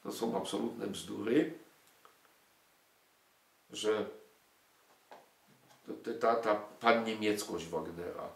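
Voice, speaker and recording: A man's voice: lowish voice, takes it slowly, gravelly, pauses often. An older man giving an emphatic lecture to an audience, full of rhetorical questions and indignant asides. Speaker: lecturer on music and culture. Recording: echoey room.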